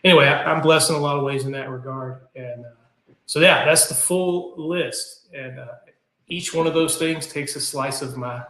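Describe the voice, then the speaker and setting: A man's voice: on the high side, moderate pace, sharp tone. A middle-aged man with an Appalachian accent, chatting casually as an interview guest. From Kentucky, US. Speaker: podcast guest, business owner. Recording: echoey room.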